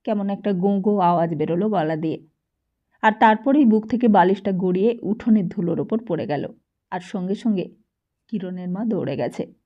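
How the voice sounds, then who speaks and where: A woman narrating a novel audiobook in a calm, measured storytelling voice. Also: medium pitch. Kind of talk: novel reading. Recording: dull lo-fi recording.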